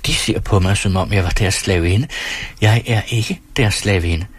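A man with a very breathy, husky voice reads a dramatic literary monologue aloud in the first person, as a woman's racing thoughts. The sound is dry and close, with no room around it, and his laughs come out high and breathy. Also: no room sound. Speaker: audiobook reader.

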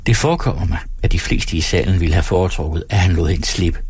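A man narrating a story in a calm, dry manner. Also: deep voice, husky, no room sound. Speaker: audiobook narrator. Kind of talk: scripted narration.

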